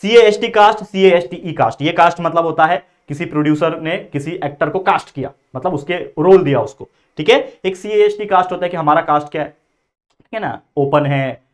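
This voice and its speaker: A man tutoring students in exam grammar, explaining step by step and checking in often with "okay?". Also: on the high side. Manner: reads example sentences slowly and deliberately. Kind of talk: exam-prep grammar lesson.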